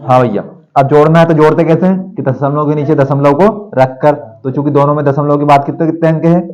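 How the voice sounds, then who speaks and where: A man's voice: on the high side, steady tone, a little fast, a little mellow, poor audio. Male maths teacher, talking in a classroom, teasing and counting out sums aloud. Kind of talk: classroom lecture.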